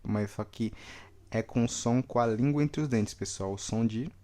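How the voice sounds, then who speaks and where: A man's voice: mid-range voice, normal speed, mellow. A man teaching English vocabulary to Portuguese speakers, repeating each word several times and checking in with the class after each one. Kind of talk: vocabulary lesson with repetition drills.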